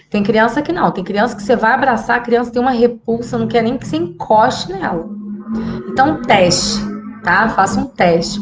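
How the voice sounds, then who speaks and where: A Brazilian woman psychologist giving parenting advice in a casual, chatty way, often checking in with the viewers. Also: on the high side. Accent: Brazilian Portuguese. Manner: chatty, tags sentences with "tá?" and "gente". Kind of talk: casual educational talk to viewers.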